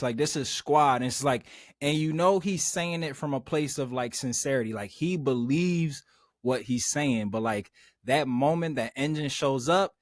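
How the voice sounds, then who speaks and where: A man co-hosting a casual anime podcast, talking in animated slang and jumping into louder voices when he quotes characters. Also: on the high side, no echo, studio quality. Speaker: podcast co-host.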